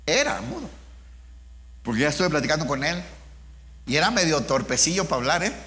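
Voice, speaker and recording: A man's voice: fairly high pitch, fast talker, fairly bright tone, a little hiss or hum. A middle-aged man, preaching an informal sermon with personal testimony, speaking conversationally and asking his listeners rhetorical questions.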